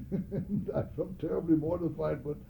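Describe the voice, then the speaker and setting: An elderly man reminiscing about his childhood in an oral history interview, speaking haltingly with many pauses and restarts. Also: fairly high pitch, fairly even intonation, gravelly, dark tone, slight background noise. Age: older. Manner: halting, frequent hesitations and restarts. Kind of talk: reminiscing conversation. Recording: narrow phone-like old tape.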